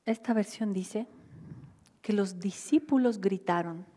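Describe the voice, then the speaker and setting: A woman with a Bolivian Spanish accent preaching a sermon in a church hall, dropping to near-whispers and rising to loud cries. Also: medium pitch, takes it slowly. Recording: livestream with long hall reverb.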